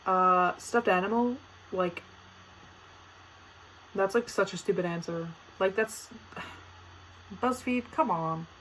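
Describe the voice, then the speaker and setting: A teenage girl chats casually on her own solo podcast, playfully dramatic and full of fillers. Her mid-range, slightly bright voice moves slowly with long pauses, over slight background noise and poor audio.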